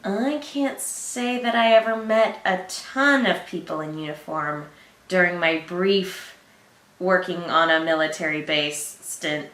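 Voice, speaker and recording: A woman's voice: on the low side, unhurried, fairly bright tone, echoey room. A woman co-hosting a reaction show, chatting casually and laughing often. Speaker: reaction channel co-host. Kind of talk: casual chat.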